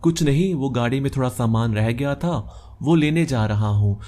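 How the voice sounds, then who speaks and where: A man voicing a quick-tempered adult friend, speaking sharply when provoked. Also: mid-range voice, natural voice. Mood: casual. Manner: sharp and confrontational.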